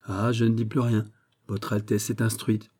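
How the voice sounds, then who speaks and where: A man's voice: fairly low pitch, flat delivery, moderate pace, a little mellow, lightly acted. A man reading an audiobook, voicing a deferential young courtier who feigns innocence. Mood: evasive. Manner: deferential, falsely innocent, polite. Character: evasive young male courtier, feigned naivety.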